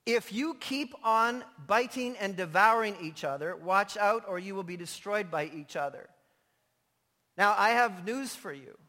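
A man preaches a sermon as a pastor in a large indoor church hall, his high-pitched voice expressive, bright and forceful yet unhurried. He is emphatic but informal and conversational, with a slightly strained voice. The echoey large hall gives a long reverb.

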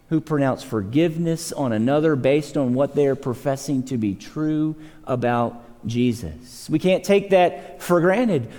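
A man preaching a sermon, his somewhat high voice swelling and sinking as he presses each point. He restarts words as he goes, earnest and emphatic. The sound carries a long reverb, as from a church hall. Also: mellow. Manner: earnest, repeats words, rises and drops in pitch for emphasis. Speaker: pastor.

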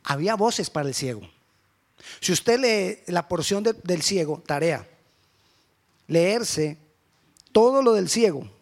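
A man's voice: high voice, expressive, slow pace, pauses often. A man preaching a sermon with fervent, repetitive rhetorical questions.

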